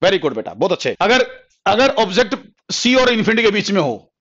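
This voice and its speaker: Physics teacher guy, high voice, keeps repeating stuff and dictating notes slow, muffled lo-fi audio. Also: big pitch swings, a bit bright. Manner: repeats key terms many times, calls students "beta" and "bhai"; dictates notes slowly word by word. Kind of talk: classroom lecture at a board. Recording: dull lo-fi classroom recording.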